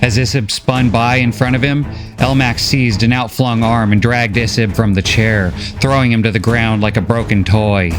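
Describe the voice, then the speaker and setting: A man reading a novel recap as scripted story narration, steady and measured. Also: mid-range voice, over music.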